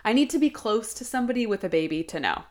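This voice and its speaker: A woman's voice: on the high side, expressive, fast talker. A young woman co-hosting a podcast in casual chat, talkative and swearing freely. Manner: chatty, swears casually, lots of "like". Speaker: podcast co-host.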